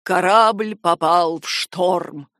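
A woman voicing a grim, shaken nobleman with a hoarse, rasping voice, speaking in slow, halting phrases for an audiobook. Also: lowish voice, fairly bright tone, dry recording, clean studio sound, voice pushed down. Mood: grave. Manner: halting, heavy delivery. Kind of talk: audiobook character voice.

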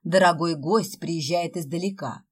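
A playful joker of a man, as a woman reader puts him on, full of mock-theatrical teasing. His voice sits low with a husky edge, as in a storybook read aloud. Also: moderate pace. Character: teasing joker man playing Father Frost.

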